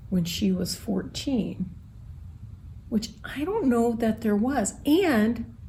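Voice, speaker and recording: A woman co-hosting a casual podcast, her voice gravelly with a touch of fry. She talks wryly and loosely, trailing off into fillers. Her tone is mellow and dark, with a faint hiss of noise behind her. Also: mid-range voice. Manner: chatty, wry, trails off with fillers. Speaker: podcast co-host. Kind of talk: casual chat.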